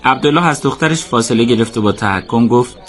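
A man narrating a radio drama in a steady, measured storytelling voice. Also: medium pitch.

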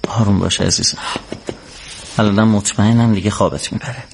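A man's voice: lowish voice, steady tone, creaky, slight background noise. A man dubbing a caring young man who speaks to his partner in a soothing, reassuring way. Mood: gentle. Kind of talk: dubbed film acting.

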